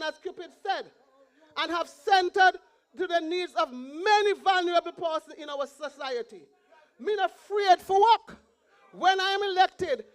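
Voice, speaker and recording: Impassioned Montserrat woman, very high voice. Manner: impassioned, repeats slogans, pleading. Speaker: political candidate. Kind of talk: rally speech.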